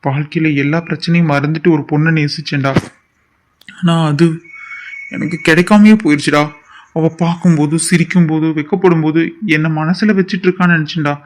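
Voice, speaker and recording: A man's voice: fairly high pitch, fairly even intonation, a little fast, lightly acted. A man voicing a heartbroken young man in a cartoon drama who is hurt and reproachful. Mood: grieving. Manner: hurt, reproachful then grieving.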